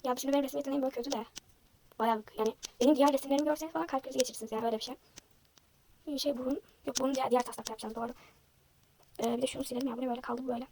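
Young woman, high voice, rapid self-deprecating chatter, a little hoarse, faint noise behind. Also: steady tone, darkish tone. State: slightly hoarse, sore throat. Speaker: vlogger. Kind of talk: casual chat while drawing.

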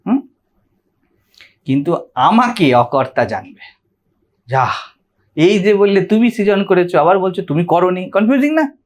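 A man gives a sermon on scripture, speaking in a fairly high voice that swings widely in pitch. He talks conversationally and keeps putting questions to his listeners. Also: expressive, measured pace, long pauses. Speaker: spiritual teacher.

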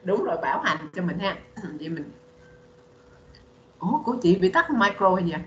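Patient woman tutor, low voice, roomy muffled call line. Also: very animated, normal speed, a little hiss or hum. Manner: patient, repeats words for drilling. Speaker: English teacher. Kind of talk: online bilingual English lesson.

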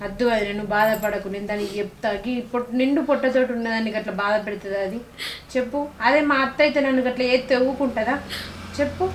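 A woman's voice: on the high side, fast, echoey room, slight background noise, natural voice. A young woman with a Telangana Telugu accent playing a protective sister-in-law in a village drama, talking in a consoling, coaxing way. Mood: urgent consoling. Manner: consoling, coaxing, with many questions. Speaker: actor in a village short film.

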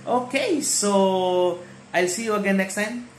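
A Filipino choral music teacher gives a casual online choir lesson in a high voice at a slow pace. He explains patiently and keeps checking in through short tag questions. The recording has roomy echo and faint noise.

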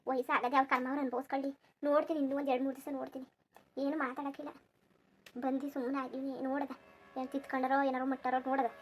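A put-upon young village daughter-in-law, voiced by a woman for a family cartoon, rambling through her grievances. Her voice sits high and her pace is quick, and she. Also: little pitch movement, slight background noise, close to an everyday voice. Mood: muttering. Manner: complaining, rambling grievance monologue. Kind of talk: cartoon voice acting.

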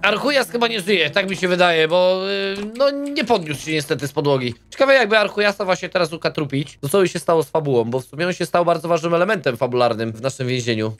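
Excitable, swearing young gaming host. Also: male voice, high-pitched. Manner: excitable, swears a lot, yells at game characters. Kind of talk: casual gameplay commentary.

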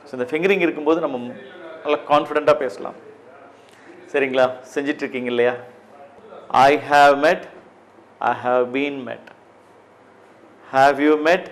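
Tamil-accented male teacher, unhurried and methodical, steps through grammar drills phrase by phrase. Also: mid-range voice, slight background noise. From Tamil Nadu, India. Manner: slow and deliberate, drills English phrases one by one. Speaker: English teacher. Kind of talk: spoken grammar lesson.

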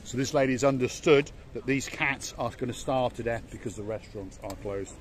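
Speaking briskly at a medium pitch, a vlogger in his fifties talks to camera on a phone held at arm's length as he walks along a seaside harbour. He's enthusiastic and chatty, and there's slight background noise.

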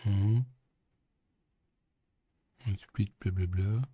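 A man's voice: on the low side, level tone, drawn-out words, phone-quality sound, a little hiss or hum. A man streaming live coding, thinking aloud and muttering with playful sound effects. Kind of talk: casual live coding commentary.

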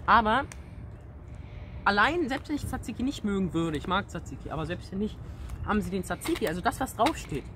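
A man's voice: high voice, expressive, a little fast. A teenage young man hosting a casual taste-test vlog, talking in a chatty, hesitant way outdoors toward a camera a few steps away. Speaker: video host reviewing snacks. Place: outdoors by a brick wall. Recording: outdoor camera audio with clear background noise.

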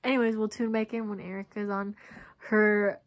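A woman's voice: mid-range voice, flat delivery, moderate pace, no room sound. A woman in her twenties chatting casually and playfully to a phone held at arm's length. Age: 20s. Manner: playful, joking. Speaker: vlogger and caregiver friend. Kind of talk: casual vlog chat. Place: car and small home rooms.

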